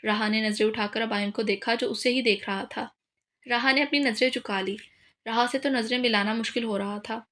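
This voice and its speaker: A woman reading a romance novel aloud with steady storytelling narration. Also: a little high, fairly quick. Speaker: novel reader.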